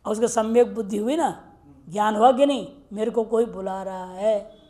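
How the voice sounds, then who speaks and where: A woman teaching Sanskrit grammar in a lecture. She quizzes her listeners and recites the rules slowly. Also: mid-range voice, fairly even intonation, dark tone. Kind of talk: classroom lecture explaining grammar.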